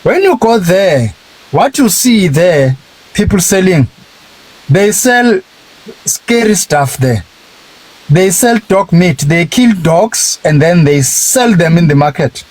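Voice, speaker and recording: A man with a high voice argues insistently and scornfully. He often stalls on fillers and then pushes on. He sounds like a participant taking his turn in a live discussion. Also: big pitch swings, slow pace, a little mellow. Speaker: speaker in a live audio discussion. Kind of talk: heated argument.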